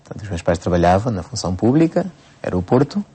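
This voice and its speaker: A man in his forties from Cape Verde, a priest speaking in a radio interview. His voice sits low and sounds mellow and relaxed. He talks unhurriedly and often pauses and restarts his phrases. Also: husky. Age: 40s. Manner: unhurried, frequent hesitations and restarts. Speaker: priest, bishop-elect.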